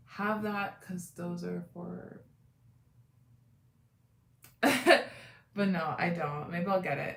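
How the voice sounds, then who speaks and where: A woman's voice: on the low side, creaky, echoey room, a little hiss or hum. A woman in her twenties hosting a casual livestream, chatty and rambling, greeting viewers by name. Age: 20s. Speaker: livestream host. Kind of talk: casual live chat with viewers.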